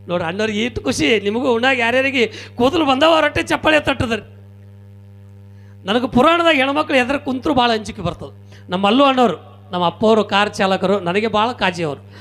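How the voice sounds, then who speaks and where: A man with a North Karnataka Kannada accent tells comic stories on stage, talking straight to the audience. His voice sits very high, with a gravelly edge. His delivery is lively and punchy, in the style of a live comic storyteller. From Kalaburagi, Karnataka. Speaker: stage comedian. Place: stage at a religious gathering.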